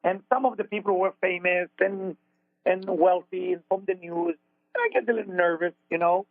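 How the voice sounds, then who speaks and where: On a radio talk show, a spiritual teacher with an Israeli accent tells a story in earnest, confessional tones, using broken English phrasing. His creaky voice sits high and he speaks animatedly at normal speed, with dry phone-line sound and no room sound.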